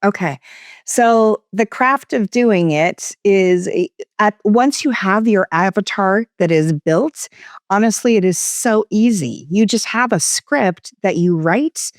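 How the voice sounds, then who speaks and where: A woman speaking as a guest expert in a conversational interview, shifting her tone, speed and pitch as she talks. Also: slow, dry recording, clean studio sound. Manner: varied, expressive inflection. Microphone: studio microphone.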